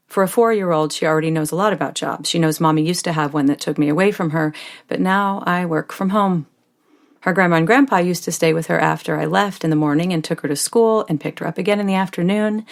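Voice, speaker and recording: In a scripted monologue, an actress portrays a tired but loving young mother, telling her story with intimate, wry warmth. Her voice sits low and sounds gravelly.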